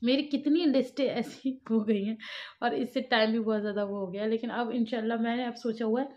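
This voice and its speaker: A woman's voice: a little high, steady tone, brisk, darkish tone, dull audio. A young woman chatting casually in a home family vlog, talking about daily life and scolding her children firmly at times. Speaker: family vlogger.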